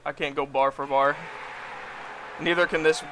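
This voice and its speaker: A young man streaming a hockey game with friends, yelling at the game, swearing and laughing as he plays. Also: on the high side, fairly even intonation, normal speed, very noisy. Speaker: gaming streamer. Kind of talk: excited gameplay chat.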